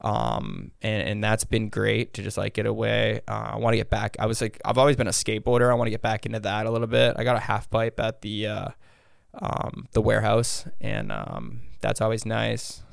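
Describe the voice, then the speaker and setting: Male podcast guest, American, raspy creaky vocal fry, slightly low voice, loose meandering conversational delivery. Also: normal speed, no room sound, studio quality. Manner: rambling, hedging, self-interrupting. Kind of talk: casual interview chat.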